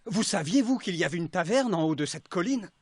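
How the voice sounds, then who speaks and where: A cocky, husky young knight. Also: male voice, high voice, animated, fairly quick, no room sound. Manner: boastful.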